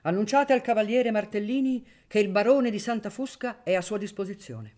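A woman voicing a swaggering, insolent male baron who speaks gruffly and curtly, in a radio reading of a novel. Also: mid-range voice, lively intonation, brisk, dark tone, voice pushed up, close to an everyday voice. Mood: commanding.

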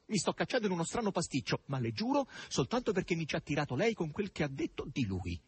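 A man's voice: a little high, big pitch swings, fast talker, breathy edge, pitched above the performer's own voice, full character voice. A man voicing a troubled, desperate grown woman in an audiobook reading, pleading and agitated. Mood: bitter.

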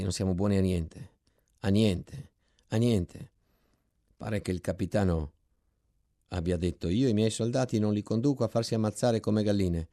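A man's voice: lowish voice, mellow, dry recording, studio quality, voice pushed down, natural voice. A man voicing a bitter, war-weary soldier in a trench, muttering grimly and resentfully during a dramatic novel reading.

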